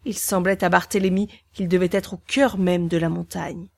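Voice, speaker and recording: A woman narrating a children's storybook in a slow, hushed manner. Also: fairly low pitch, steady tone, creaky.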